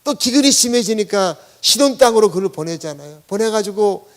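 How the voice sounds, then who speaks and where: A man's voice: sits high, expressive, normal speed. A man, the senior pastor, preaching a Sunday sermon in a church, talking conversationally and often asking the congregation questions. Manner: conversational preaching, asks the congregation questions, leads them in reading aloud. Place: church sanctuary.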